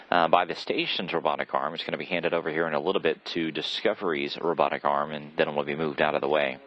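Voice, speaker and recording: A man giving live explanatory mission commentary in a measured, hesitant way with pauses. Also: low-pitched, a bit bright. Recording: slightly dull lo-fi broadcast audio.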